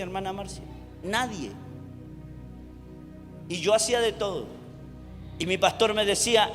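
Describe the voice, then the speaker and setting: A middle-aged man with a Chilean accent preaching a sermon to his congregation, rising to shouts. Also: high voice, big-room sound. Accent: Chilean Spanish. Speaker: pastor. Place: church hall.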